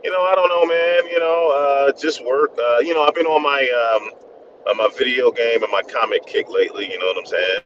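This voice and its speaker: A man's voice: mid-range voice, fairly quick. A man co-hosting a casual chat over a call line that keeps breaking up, talking in a laid-back way with lots of fillers. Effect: breaking up over a choppy call connection. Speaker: podcast co-host. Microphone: remote call. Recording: dull lo-fi call with loud noise.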